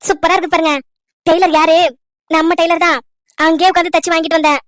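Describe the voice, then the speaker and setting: A woman's voice: very high voice, little pitch movement, quick pace, no echo, studio quality. A woman doing a chatty young village girl. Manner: chatty, coaxing.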